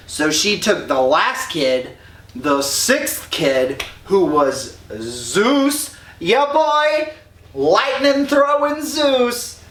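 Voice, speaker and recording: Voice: medium pitch, fairly bright tone, slight background noise. A storyteller retelling a myth while drinking, rambling and slangy. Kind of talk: drunken comic myth retelling. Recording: roomy echo, distant mic.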